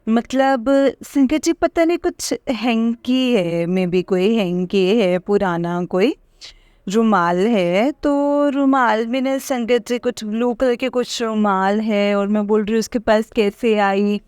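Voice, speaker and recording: A woman's voice: fairly high pitch, slow pace, a little mellow, smooth, no echo, clean studio sound. Hesitant woman rambling through a dream. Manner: rambling, hesitant, many fillers and restarts. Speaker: devotee sharing a dream experience. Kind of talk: casual spoken testimony.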